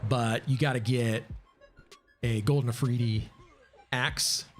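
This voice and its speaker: A man's voice: medium pitch, steady tone, takes it slowly. Man streaming a game, rambling casual commentary, answers chat, uh's everywhere, music playing under him. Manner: casual, thinks aloud and answers chat, many fillers. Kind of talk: live gameplay commentary.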